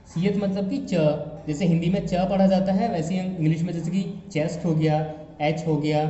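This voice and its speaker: A man's voice: on the high side, warm tone. A man explaining shorthand step by step, repeating each point patiently. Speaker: shorthand teacher. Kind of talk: casual step-by-step tutorial. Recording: echoey room, dull lo-fi mic.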